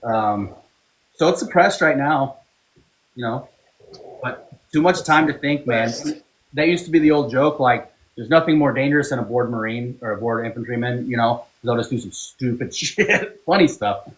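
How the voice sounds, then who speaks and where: A man's voice: mid-range voice, moderate pace, poor audio. A man in a casual podcast chat, laid-back and candid, often checking in with "you know what I mean". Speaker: podcast co-host.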